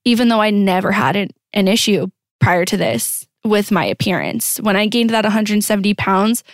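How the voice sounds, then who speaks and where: A woman's voice: mid-range voice, moderate pace, no room sound, studio quality. Candid young woman telling her story. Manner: candid, self-deprecating, with many restarts. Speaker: vlogger. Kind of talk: personal storytelling to camera.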